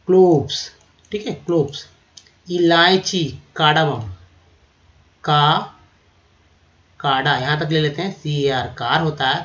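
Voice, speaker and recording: Dull-sounding man slowly spelling out words. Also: fairly high pitch. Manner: repeats each word slowly, spelling it out letter by letter. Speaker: English vocabulary teacher. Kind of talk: spoken vocabulary lesson. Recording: dull lo-fi recording.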